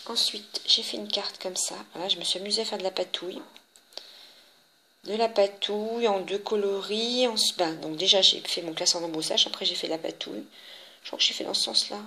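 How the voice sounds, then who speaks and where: Bright-voiced French woman showing her cards. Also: medium pitch, gravelly, a little hiss or hum. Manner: chatty, halting, many fillers and restarts. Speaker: papercraft vlogger. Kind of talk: casual show-and-tell of handmade cards.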